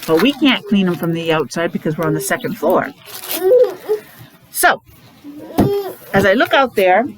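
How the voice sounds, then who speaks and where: An American woman from New England leads an interactive preschool lesson. She speaks sing-song, with simple repeated phrases and coaxing questions. Her voice is lowish and animated at a moderate pace, with a noisy background.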